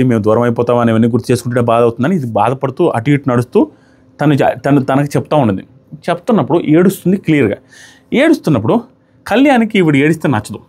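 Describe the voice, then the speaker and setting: A man's voice: medium pitch, darkish tone. A man giving an opinionated review of a reality show episode, arguing his points with pointed rhetorical questions.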